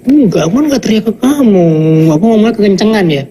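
A tender, easily flustered father at home, coaxing and pleading with his little girl. His voice sits a little high and swings about lively. A faint hiss lies behind it. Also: quick pace. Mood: defensive. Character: playful stay-at-home father, loving, flustered.

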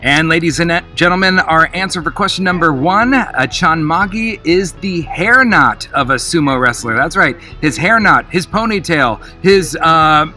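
A man's voice: fairly high pitch, bright, forceful tone. An upbeat middle-aged man, a cruise director, casually hosting a quiz to camera outdoors. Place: outdoors in an open park.

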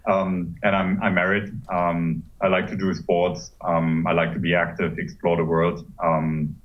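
Deep, flat-voiced man on a video call. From Germany. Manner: measured, thoughtful, many ums and restarts. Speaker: pharma executive guest. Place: home room with high ceiling. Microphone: laptop webcam mic on a video call. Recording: muffled, distant video-call audio.

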